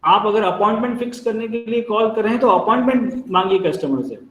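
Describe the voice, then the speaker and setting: A man's voice: high-pitched, brisk, fairly bright tone, a little hiss or hum. An Indian man with an Indian accent giving a telecalling training lecture, explaining with everyday examples and calling his listeners friends. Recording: echoey room.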